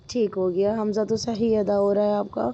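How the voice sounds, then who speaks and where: A woman's voice: mid-range voice, level tone, dull audio, noisy background. A woman teaching Quran recitation. She is patient and encouraging, and drops English words into her talk. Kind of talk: online tajweed lesson.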